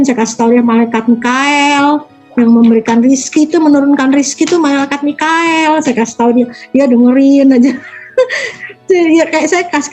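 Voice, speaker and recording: A woman's voice: high-pitched, darkish tone, low-quality recording. A woman in her forties in an interview, telling stories casually and chattily, acting out the people she quotes. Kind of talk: casual storytelling.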